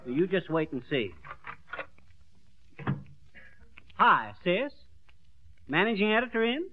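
A cocky, scheming husband trading screwball wisecracks in an old radio comedy. His voice is high for a man and very bright, with lively swoops. The recording is dull and dated. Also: moderate pace, slight background noise. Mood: brash, breezy. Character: brash, pushy husband full of crackpot schemes. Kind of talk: 1940s radio comedy acting.

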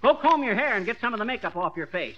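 An actor playing a brash, pushy husband full of crackpot schemes in cocky, wisecracking screwball banter, in 1940s radio comedy style. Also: male voice, sits high, sing-song, fast, bright, forceful tone, full character voice. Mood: cocky, bossy. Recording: dull vintage radio recording.

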